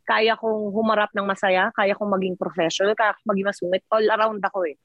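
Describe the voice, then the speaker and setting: A woman's voice: mid-range voice, steady tone, a little fast, dry recording, highs cut off. A woman from the Philippines in her thirties, a teacher working abroad, talking animatedly in a casual chat with laughs and self-corrections.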